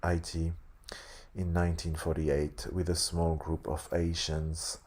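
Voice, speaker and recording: A man with a lisp reading aloud haltingly, stumbling and correcting himself, with casual asides. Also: very deep voice, level tone, darkish tone. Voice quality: lisp on s sounds. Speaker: host reading a tabletop game sourcebook aloud.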